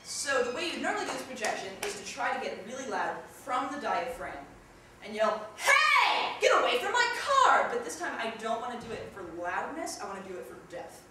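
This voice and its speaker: Her voice is on the high side and animated, moving at a quick pace with few pauses. This young woman runs a theatre workshop for a group of students, chatty and demonstrative, often breaking into loud yelled examples. A distant camera mic records her from far off in a large echoey room, and the audio is noisy.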